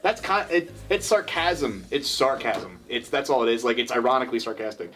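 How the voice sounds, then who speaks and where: A man's voice: mid-range voice, expressive, fairly quick, a bit bright, faint music behind. A man in his thirties co-hosting a casual podcast, laid-back, swearing freely, crude jokes. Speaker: podcast co-host. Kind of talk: casual chat.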